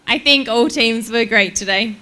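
A woman's voice: a little high, moderate pace, pushed and bright, a little hiss or hum. A young woman from Australia, giving shy, brief answers from the audience. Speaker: student audience member.

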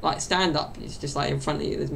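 Speaking quickly with fairly even intonation, this twenty-something podcast host rambles through a solo episode in his small bedroom at home. The desk mic sits off to the side and picks up a little hiss or hum. His voice is high-pitched and gravelly with a fairly bright tone, and his chatty, wandering talk is full of fillers.

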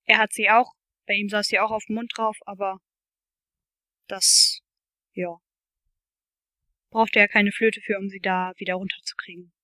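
A woman's voice: mid-range voice, bright, forceful tone, dry recording. A woman reading a novel aloud for her channel, with casual, chatty commentary and fillers.

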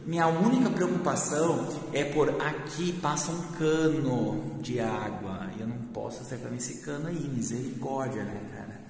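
A man's voice: medium pitch, moderate pace, gravelly, few pauses, darkish tone. A man casually showing his apartment renovation to viewers, laughing often, while his voice echoes strongly in a bare, empty room. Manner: chatty, laughs often, addresses viewers as friends. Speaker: vlogger. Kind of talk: casual home-renovation vlog.

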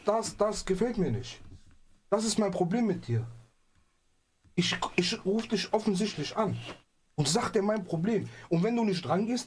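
A man's voice: high-pitched, a little hiss or hum. A man in casual talk, speaking emphatically and insistently.

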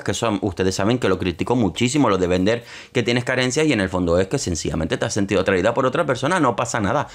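A young man, giving opinionated, sarcastic commentary on a reality show and slipping into quick impressions of the people on it. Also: lowish voice. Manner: sarcastic, opinionated, mocking asides; quick shifts into quoting others. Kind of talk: casual commentary.

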